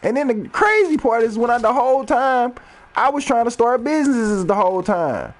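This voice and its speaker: A man's voice: very high-pitched, very animated, moderate pace. A man in his thirties, a rapper, rambling freely and swearing during casual gameplay commentary. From United States. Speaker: rapper and gaming streamer.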